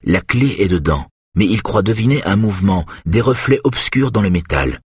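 A man with a husky voice narrating a thriller audiobook in an expressive, lively storytelling manner. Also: lowish voice, moderate pace, no room sound, studio quality. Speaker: audiobook reader. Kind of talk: scripted narration of a thriller novel.

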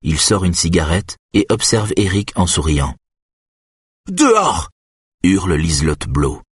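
A man with a husky voice narrating a thriller audiobook in an expressive, lively storytelling manner. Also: low voice, normal speed, no echo, clean studio sound. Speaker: audiobook reader. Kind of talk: scripted narration of a thriller novel.

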